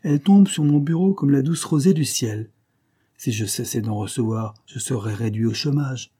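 A man doing a gruff boastful old police chief. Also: medium pitch, moderate pace, mellow, voice pushed up, close to an everyday voice. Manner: gruff, sardonic, raised and emphatic. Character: gruff boastful aging male police commissioner.

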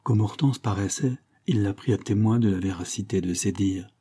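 Male narrator, low and husky, steady reading. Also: moderate pace. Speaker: audiobook narrator. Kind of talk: scripted narration.

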